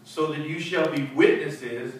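A man's voice: fairly high pitch, a little slow. A middle-aged man, a pastor, teaching a Bible study with emphatic preaching, repeating words and calling for responses. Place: church fellowship hall with seated group. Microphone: handheld mic, heard from a far camera. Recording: echoey hall from far off, faint hiss.

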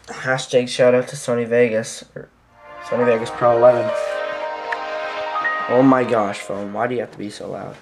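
Sick man vlogging at home, loose and rambling, mid-range voice, soft music in the background. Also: medium pitch, level tone, normal speed, creaky, long pauses. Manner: rambling, filler-heavy, self-correcting. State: sick, with a sickly voice. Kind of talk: casual vlog chat. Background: faint music playing.

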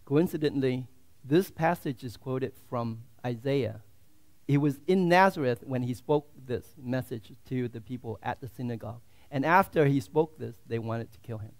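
A man preaching a sermon as a pastor in a church, swinging from loud, fervent declarations to hushed, quiet asides. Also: mid-range voice, moderate pace.

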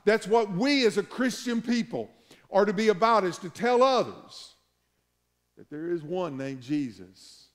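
A man's voice: sits high, animated, unhurried. A middle-aged man preaching a sermon as pastor in a large church sanctuary, earnest and building to emphatic peaks.

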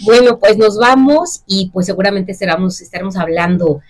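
A woman's voice: mid-range voice, a little fast, a crowd in the background. A woman with a Mexican accent, a radio co-host chatting casually and wrapping up a segment. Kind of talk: casual show chat.

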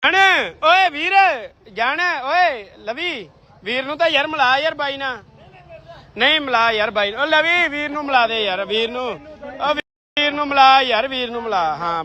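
An Indian Punjabi man with a very high, bright voice. He banters casually like a vlogger, teasing and repeating himself insistently.

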